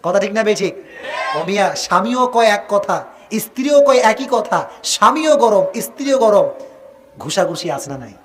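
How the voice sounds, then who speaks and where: A man preaching a lively sermon, calling questions out to the audience for them to answer aloud and mixing English phrases into his talk. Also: high-pitched, moderate pace, noisy background. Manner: mixes English phrases into Bengali. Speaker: Islamic preacher.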